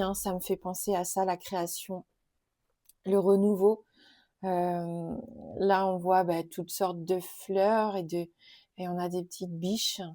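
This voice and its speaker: A woman presenting oracle and tarot cards in a casual video, chatty and gentle, with many fillers. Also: lowish voice, no echo, studio quality. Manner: gentle, enthusiastic about nature and cards. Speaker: tarot and oracle card youtuber. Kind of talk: casual card-showing tag video.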